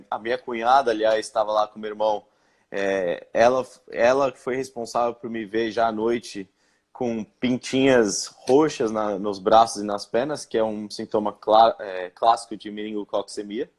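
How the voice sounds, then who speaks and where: A young man from Brazil tells his own story in a live-stream interview. He speaks haltingly, with frequent fillers and false starts, in an ordinary mid-range voice. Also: mid-range voice. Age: young adult. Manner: hesitant, many fillers and restarts. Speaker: interviewed guest.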